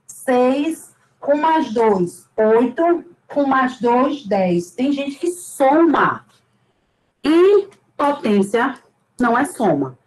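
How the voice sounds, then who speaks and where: A woman with a high voice explains a math lesson at an unhurried pace. She goes over each step patiently and repeats the main points with emphasis. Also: sing-song, a little mellow, echoey room, low-quality recording. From Brazil. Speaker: math teacher.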